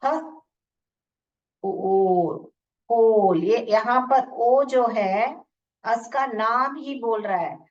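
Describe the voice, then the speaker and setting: A woman with an Indian accent teaching English phonics in an online class, repeating sounds slowly and asking questions. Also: on the high side, a little mellow. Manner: slow, repeats sounds and words, asks questions. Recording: muffled, distant from the mic.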